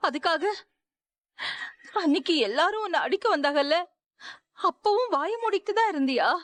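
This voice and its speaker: A woman's voice: a little high, moderate pace, no room sound, natural voice. Woman playing a tearful worried mother. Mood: reproachful. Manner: pleading, tearful reproach. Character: worried middle-aged mother and wife. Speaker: mother, wife in TV serial. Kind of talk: Tamil TV serial acting.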